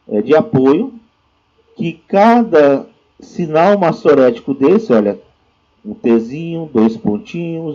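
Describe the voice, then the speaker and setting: A man's voice: on the high side, warm tone, breathy edge. Man lecturing with restarts, dull lo-fi. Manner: explanatory, with frequent restarts and "né?" tags. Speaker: teacher. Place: classroom. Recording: dull lo-fi recording.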